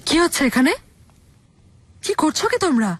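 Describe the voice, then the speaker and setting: A shrill, scolding princess. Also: female voice, lively intonation, fast, a little hiss or hum. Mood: angry. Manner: scolding, sharp commands. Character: imperious young princess, quick to anger. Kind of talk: dubbed TV drama. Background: music.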